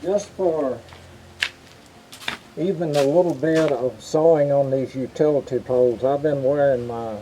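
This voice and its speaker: A man's voice: mid-range voice, unhurried, background noise. A man talking casually to the camera as a sawmill vlogger, his voice muffled through a face mask. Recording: dull, muffled sound.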